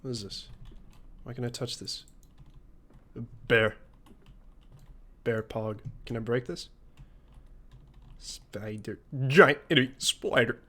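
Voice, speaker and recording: A young man streaming a game, joking around in casual commentary with sudden loud outbursts. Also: mid-range voice, takes it slowly, long pauses.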